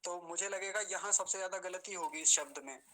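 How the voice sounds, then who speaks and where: Bright-voiced man carefully teaching pronunciation. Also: high-pitched, poor audio. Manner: slows down to spell out syllables, repeating words carefully; patient, polite, addresses students respectfully. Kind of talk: online pronunciation lesson.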